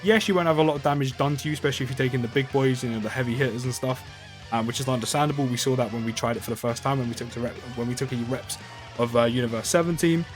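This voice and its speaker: A man's voice: medium pitch, rapid-fire, faint music behind. Rambling man commenting on gameplay. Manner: rambling, many fillers and restarts. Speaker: gaming YouTuber.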